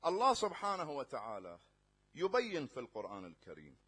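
A man preaching a religious sermon in a casual spoken style. He swings between loud, rising stresses and quiet, low asides, draws out scripture slowly, and keeps checking that his listeners follow. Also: wildly swooping pitch, husky. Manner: slow drawn-out recitation of scripture; addresses listeners directly and checks they follow.

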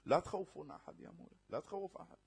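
A man preaching a religious sermon in a casual spoken style. He swings between loud, rising stresses and quiet, low asides, draws out scripture slowly, and keeps checking that his listeners follow. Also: wildly swooping pitch, vocal fry, slightly rough. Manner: slow drawn-out recitation of scripture; addresses listeners directly and checks they follow.

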